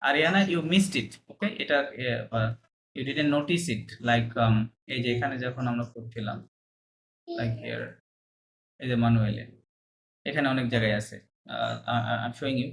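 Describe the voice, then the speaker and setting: A patient French teacher walks through verb endings in an online class, mixing in English and French phrases and pausing often to check that students follow. Faint background noise sits under the voice. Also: medium pitch, poor audio. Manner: mixes Bengali with English and French terms. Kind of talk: online language lesson.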